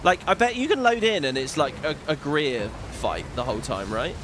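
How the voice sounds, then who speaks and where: A man's voice: a little high, expressive, normal speed, noisy background. A man giving casual, opinionated gameplay commentary as a streamer, swearing freely. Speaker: game streamer. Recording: game music behind the voice. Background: game music.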